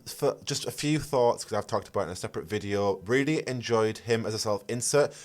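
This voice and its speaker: A man hosting a podcast, chatting casually about a video game and laughing easily. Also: on the low side. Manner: laid-back, chatty, quick laughs. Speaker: podcast host. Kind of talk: casual chat.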